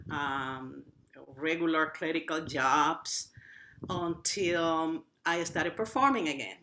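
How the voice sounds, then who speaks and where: A woman from Cuba with a Cuban accent, whose first language is Spanish, speaking animatedly on a virtual panel as a nonprofit director. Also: low-pitched. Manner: animated, restarts phrases, uneven pace. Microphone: video call.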